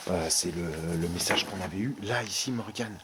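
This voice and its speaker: A man with a very deep voice talks his way through an abandoned garage in a deadpan, mock-serious tone. He keeps repeating the same stock phrase. The camera mic picks up a loud, constant background noise. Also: moderate pace. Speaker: co-host of a parody urban-exploring show. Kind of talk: mock-serious exploration commentary.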